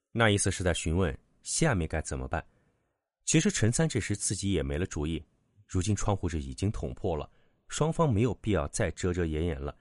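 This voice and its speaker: A man narrating a serialized folk tale in a lively, expressive storytelling manner. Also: deep voice, no room sound, clean studio sound.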